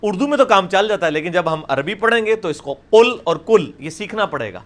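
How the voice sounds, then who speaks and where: A man's voice: high-pitched, very animated, fairly bright tone. A middle-aged man, teaching a class at a blackboard and explaining patiently with questions to the audience. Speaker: religious teacher. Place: indoor lecture room with a blackboard.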